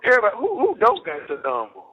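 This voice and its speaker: A man's voice: high voice, wildly swooping pitch, quick pace. A man calling family from a jail payphone, chatting casually and laughing between lines. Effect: heard over a jail payphone line. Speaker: inmate caller. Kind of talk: casual phone chat with family. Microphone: payphone handset. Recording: tinny phone line.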